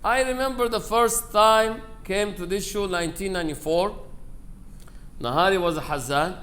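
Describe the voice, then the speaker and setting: The speaker is a rabbi from Aleppo, Syria giving an informal memorial speech of personal anecdotes. His voice is higher for a man, a bit bright, at a moderate pace, and he uses broken English grammar while acting out quoted dialogue in conversational storytelling. It's a live recording with clear background noise.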